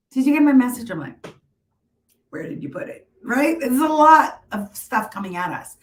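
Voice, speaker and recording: A middle-aged woman speaking as a life coach, giving a chatty, emphatic motivational talk straight to viewers. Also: on the low side. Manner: chatty, emphatic pep-talk delivery with rhetorical check-ins. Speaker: motivational speaker and coach hosting a live stream.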